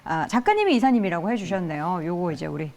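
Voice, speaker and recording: A woman hosting a TV market talk show, guiding guests with quick questions. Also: lowish voice, sing-song, darkish tone. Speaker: TV show host. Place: TV studio.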